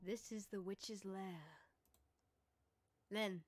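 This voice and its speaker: A woman's voice: medium pitch, steady tone, extremely slow. A woman voicing a curt, guarded masked man who intrudes, with a terse and clipped delivery. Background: game music.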